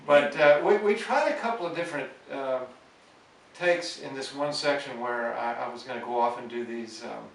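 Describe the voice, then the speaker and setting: A man's voice: medium pitch, moderate pace, gravelly, fairly bright tone. A man casually chatting about his album, rambling with many fillers and restarts. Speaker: musician discussing his album. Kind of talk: casual chat. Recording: roomy, distant, with faint hiss.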